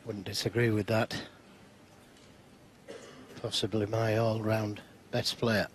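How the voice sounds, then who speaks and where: A man giving measured snooker commentary in short, unhurried phrases. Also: fairly low pitch, little pitch movement, slight background noise. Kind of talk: sports commentary. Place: live snooker broadcast commentary.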